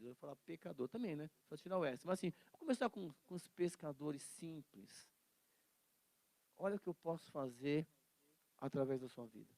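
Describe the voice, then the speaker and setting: A man teaching an informal Bible class, animated and joking, acting out quotes. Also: fairly high pitch, no room sound. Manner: animated, acts out quotes, jokes and laughs.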